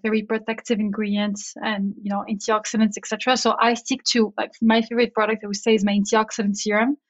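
Woman cohosting a podcast, highish voice, emphatic, kinda lo-fi audio. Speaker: podcast co-host. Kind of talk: casual podcast chat. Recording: dull, lo-fi remote audio.

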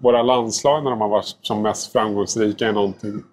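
A man's voice: on the low side, steady tone. A man, a baker and pastry chef, chatting casually as a guest, rambling with lots of filler words and mild swearing. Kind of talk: casual podcast chat.

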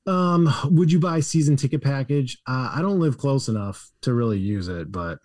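A man's voice: medium pitch, animated, moderate pace, a little mellow, no room sound, clean studio sound. A man co-hosting a sports podcast, reading listener questions aloud and chatting casually with a joking tone. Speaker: podcast co-host.

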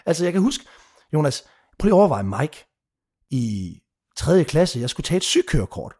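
Passionate swearing Danish-speaking man, fairly high voice. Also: sing-song, a little mellow, breathy edge. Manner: passionate, emphatic, swears freely, mixes in English phrases. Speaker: mentor and guest. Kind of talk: casual podcast conversation.

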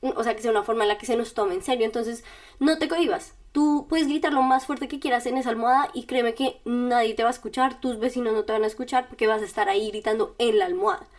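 A woman's voice: fairly high pitch, fast. A woman podcast host giving casual step-by-step self-help directions, speaking straight to the listener in a chatty, informal way. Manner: chatty and informal, with little laughs.

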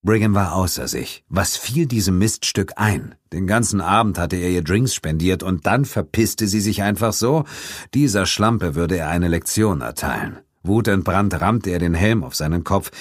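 A man reading an audiobook as its narrator in a measured, even way, close on a studio mic. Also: sits low, dry recording. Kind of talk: scripted narration. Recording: dry studio sound.

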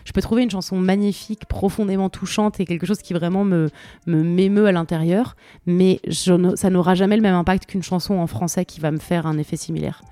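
A French-speaking woman co-hosts a podcast, chatting casually and enthusiastically about song lyrics despite many hesitations. Her lowish, mellow voice has fairly even intonation and moves a little fast, in a dry recording.

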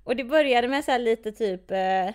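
A woman's voice: fairly high pitch, darkish tone, smooth. A young woman, telling a story in casual podcast chat, full of fillers and acted-out reactions. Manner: chatty storyteller, filler-heavy, acts out her own reactions.

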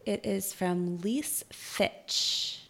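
A woman's voice: medium pitch, very slow, gravelly, a bit bright. A woman co-hosting a podcast, chatting casually in a playful, teasing way. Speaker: podcast co-host. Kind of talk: casual chat.

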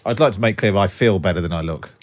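A man's voice: deep voice, fast talker. A man hosting a show, chatting casually and putting questions to his guests. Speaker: host. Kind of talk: casual chat and interviewing.

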